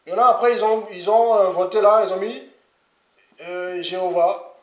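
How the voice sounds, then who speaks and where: High-voiced man preaching in an echoey room. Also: normal speed. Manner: rambling, repeats himself, animated asides. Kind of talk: informal sermon.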